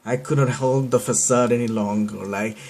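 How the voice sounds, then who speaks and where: This podcast host is a man from Bangladesh with a Bangladeshi accent and a medium-pitched, darkish voice with fairly even intonation at normal speed. He rambles in a self-deprecating monologue, often trailing off and beginning again.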